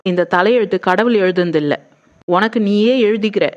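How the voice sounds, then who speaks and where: A woman's voice: medium pitch, moderate pace, natural voice. A woman playing a blunt scolding mother. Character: scolding impatient middle-aged mother. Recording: muffled lo-fi sound.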